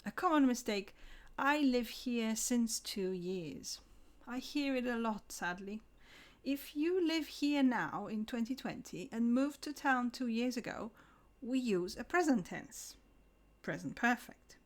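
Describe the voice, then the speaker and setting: A woman giving a scripted English lesson, slowing down to pronounce example words carefully. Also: a little high, lively intonation. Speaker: English teacher.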